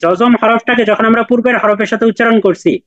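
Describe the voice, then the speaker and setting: A man's voice: extremely high pitch, fast, a bit bright, dry recording, dull audio. A man teaching Quran recitation in an online class, patiently repeating and drilling letter sounds with his students.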